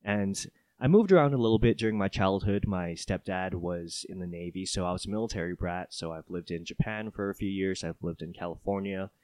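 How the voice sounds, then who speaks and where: Deep-voiced young man from Hawaii. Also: brisk, no echo. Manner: friendly, relaxed storytelling with fillers. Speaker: podcast guest, co-host of his own show. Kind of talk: casual interview chat.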